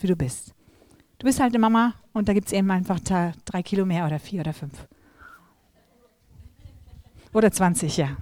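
A middle-aged woman preaching a sermon to a women's gathering, telling lively stories and speaking directly to her listeners. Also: mid-range voice, dry recording. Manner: lively storytelling, acts out quoted voices, addresses audience directly.

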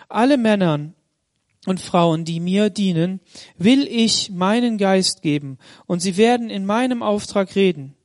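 A man preaching a sermon in Munich, reading Bible passages aloud and slowing down for emphasis. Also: sits high, a little mellow, no room sound, clean studio sound. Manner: reads scripture aloud, slows for emphasis; addresses the congregation directly. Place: church in Munich.

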